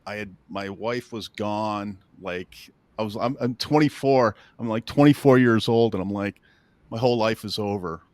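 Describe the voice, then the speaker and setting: Man, 50s, low voice, dry close sound; self-deprecating guest storyteller. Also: moderate pace, no echo. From northern Illinois, USA. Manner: self-deprecating, laughs at his own stories. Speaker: guest, real estate coach. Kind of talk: casual interview storytelling.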